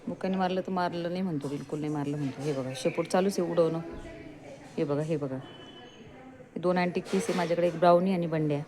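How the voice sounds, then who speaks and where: A woman's voice: lowish voice, steady tone, brisk, a crowd in the background. A middle-aged woman at home chatting to viewers about her pets and scolding her cat in sing-song baby talk. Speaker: pet vlogger. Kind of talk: casual pet vlog chat. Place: home, indoors.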